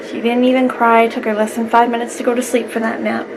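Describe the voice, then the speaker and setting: A young woman talks through her day at home for a vlog, her voice sitting a little high. She is matter-of-fact, counting off minutes and times. Steady background noise sits under the camera-mic recording. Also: quick pace. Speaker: vlogger parent. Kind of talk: casual vlog narration.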